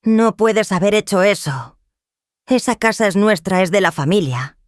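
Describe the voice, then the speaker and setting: Woman voicing a desperate grown son, pleading, near tears, raised pitch, dry sound. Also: animated, measured pace, no room sound, close to an everyday voice.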